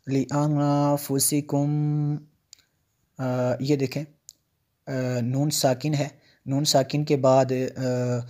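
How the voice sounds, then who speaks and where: A man teaching tajweed, explaining Quran recitation rules in plain talk with frequent "uh" pauses. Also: medium pitch, a little mellow.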